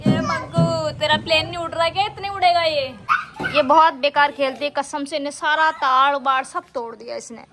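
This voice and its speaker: A woman's voice: high voice, steady tone, moderate pace, over music. A young woman vlogging casually at home, chatting and scolding her children as she films around the house and yard. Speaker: vlogger and mother. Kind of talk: casual home vlog chat. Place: home and yard, outdoors and indoors. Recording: noisy phone recording.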